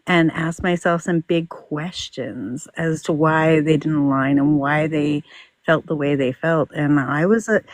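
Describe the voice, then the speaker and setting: A woman's voice: sits low, a little mellow, no echo. A woman telling personal stories casually, in a reflective and earnest way. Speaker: discussion participant.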